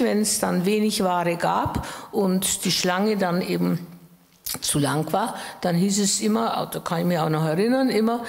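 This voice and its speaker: On a stage in a wood-panelled hall, an interview guest of about eighty, a woman from Bohemia, Czech Republic, talks over a handheld mic about her memories, pausing to hesitate and correct herself as she thinks. Her voice is fairly low, gravelly and a little mellow. The hall makes the recording echoey.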